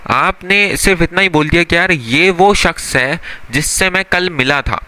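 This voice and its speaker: Bright, clear-voiced Hindi grammar teacher man. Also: a little high, normal speed. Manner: asks the class questions and answers them himself, calls students "beta" and "bhai". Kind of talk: classroom-style grammar lesson.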